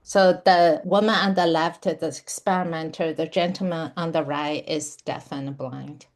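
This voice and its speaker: A woman with a fairly low voice gives a technical lecture. She explains each idea patiently, step by step, often pausing on fillers and restarting sentences. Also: fairly even intonation. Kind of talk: university lecture.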